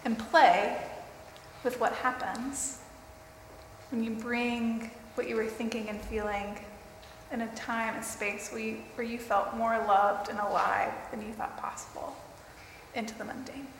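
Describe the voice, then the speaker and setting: A woman guides a group through mindfulness meditation. Her voice sits somewhat high and moves very slowly, with deliberate pauses between short phrases. It rings through a large, echoing room. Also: steady tone. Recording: roomy, reverberant hall with clear background noise.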